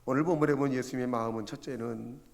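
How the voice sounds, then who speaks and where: Gravelly preacher in a reverberant church. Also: male voice, medium pitch, fairly even intonation, quick pace. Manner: storytelling preacher, many rhetorical questions. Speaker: pastor. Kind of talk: sermon. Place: church sanctuary.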